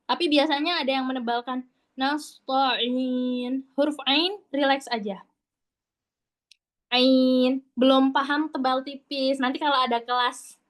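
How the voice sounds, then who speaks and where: A woman's voice: high-pitched, fairly bright tone. A woman teaching Quran recitation in an online class, explaining patiently in a casual, chatty way and sounding out letters as examples. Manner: patient, demonstrates sounds aloud.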